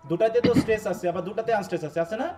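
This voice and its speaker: Fast-talking Bangladeshi man teaching. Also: high voice, dark tone, faint music behind. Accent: Bangladeshi Bengali. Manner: quizzing students, repetitive explaining. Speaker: English teacher. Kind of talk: live online class.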